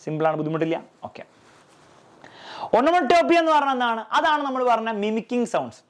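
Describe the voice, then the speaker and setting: High-voiced male teacher checking understanding. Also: sing-song, fairly quick. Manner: keeps checking if pupils understand; asks rhetorical questions and answers them. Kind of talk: exam revision lesson.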